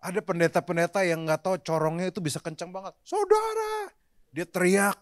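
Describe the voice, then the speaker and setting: A man's voice: high-pitched, steady tone, quick pace, no room sound, studio quality. A man preaching a sermon at a live church service, talking casually and addressing the congregation directly, often slipping English phrases into his talk. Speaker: pastor.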